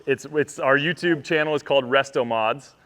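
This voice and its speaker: A man's voice: mid-range voice, moderate pace, a bit bright. A man hosting a live phone call to tell a winner about her prize, talking in an upbeat, enthusiastic way. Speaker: host calling a prize winner.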